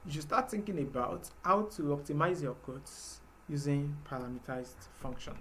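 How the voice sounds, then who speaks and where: His voice is a little high as this instructor leads a live programming class, patiently explaining things one step at a time and using fillers along the way. Slight background noise can be heard.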